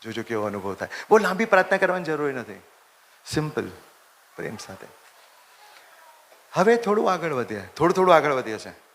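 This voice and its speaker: A man's voice: a little high, sing-song, a little fast, pauses often, a bit bright. A man, a priest, preaching a sermon, repeating phrases for emphasis and putting questions to the congregation.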